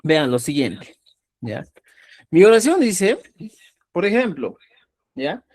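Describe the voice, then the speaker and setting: Slow and sing-song, with a medium pitch and darkish tone, this voice belongs to a Quechua writing teacher explaining a lesson. Example words get extra stress, and the teacher keeps checking in with the listeners.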